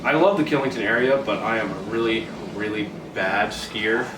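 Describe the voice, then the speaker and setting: A man's voice: fairly low pitch, normal speed. Echoey, distant man with a Vermont accent. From Vermont, US Northeast. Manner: rambling, self-deprecating. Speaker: interview guest. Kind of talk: casual interview chat. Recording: echoey room, distant mic, noisy background.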